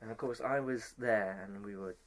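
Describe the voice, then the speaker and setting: A young man, telling lively stories in a casual chat and acting out the people in them. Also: lowish voice, moderate pace. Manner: animated storyteller, voices others in quotes, laughs through tales. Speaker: podcast co-host.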